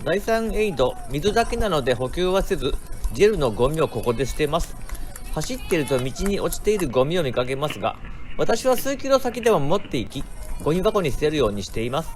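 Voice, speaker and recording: A man's voice: a little high, sing-song, fast talker, over music. A man narrating his own vlog as a scripted voice-over. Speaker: vlogger narrating own marathon video.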